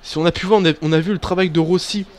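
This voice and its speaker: Excitable gaming commentator. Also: male voice, sits high, rapid-fire. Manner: excitable, swears and cheers at players. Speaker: gaming YouTuber. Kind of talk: casual gameplay commentary. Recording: faint background music.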